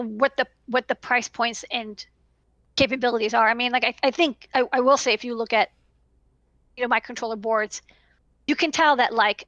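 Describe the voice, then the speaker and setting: A slightly high, gravelly, somewhat bright voice comes through a rough headset recording with no room sound. The speaker, a woman in her thirties who owns an electronics business, gives casual advice on a livestream from a small room, emphatic and repetitive for stress.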